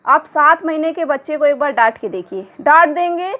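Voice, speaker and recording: High-voiced woman teaching an exam-prep lesson. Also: lively intonation, moderate pace, fairly bright tone. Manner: explanatory, poses questions then answers them. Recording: dull lo-fi recording.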